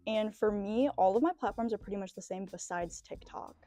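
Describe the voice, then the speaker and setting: Young woman, mellow, casual. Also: medium pitch, a little fast. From Big Flats, New York. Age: young adult. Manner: casual, uses "like" fillers. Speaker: interviewee.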